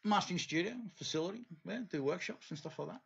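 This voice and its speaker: Gravelly, husky podcast host. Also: male voice, high voice, animated, quick pace, a bit bright. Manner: easygoing, encouraging interviewer. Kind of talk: casual chat. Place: home podcast studio. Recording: dull lo-fi studio recording.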